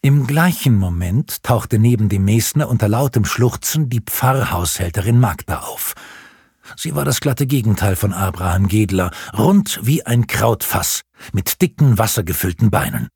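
Guy reading an audiobook, raspy voice, lots of melody, super dry booth. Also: fairly low pitch, normal speed, no room sound. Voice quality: husky. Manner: expressive, varied storytelling. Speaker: audiobook narrator. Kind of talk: scripted narration.

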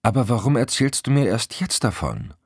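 A man's voice: medium pitch, wildly swooping pitch, normal speed, gravelly, darkish tone, husky, dry recording, clean studio sound, voice pushed up, exaggerated voice. A man doing a tired, exasperated young mother. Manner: insistent, irritated.

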